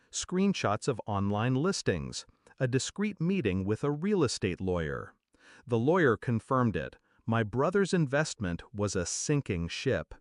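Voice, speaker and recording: A man reading a first-person story aloud in a measured, dramatic storytelling manner. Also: fairly low pitch, no room sound, clean studio sound. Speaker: story narrator.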